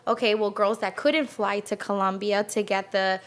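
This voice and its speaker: A young woman from New Jersey, a guest on a podcast, telling stories about her clothing business in a chatty, animated way with quoted asides. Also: mid-range voice, moderate pace. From New Jersey, USA. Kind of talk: casual interview chat.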